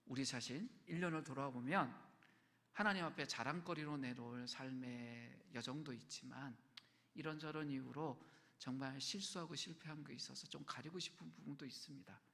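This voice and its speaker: A man's voice: medium pitch, normal speed, creaky. A man preaching a sermon as pastor, dropping to near-whispers and then rising to emphatic lines. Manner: shifts between quiet near-whispers and raised emphatic lines. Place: church sanctuary. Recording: long hall reverb.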